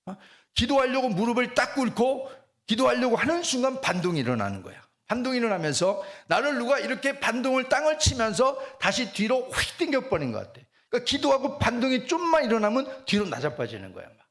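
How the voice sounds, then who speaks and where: Middle-aged man, senior pastor, animated sermon storyteller, fairly high and very lively pitch. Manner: animated storytelling with frequent rhetorical "eh?" asides. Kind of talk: sermon testimony.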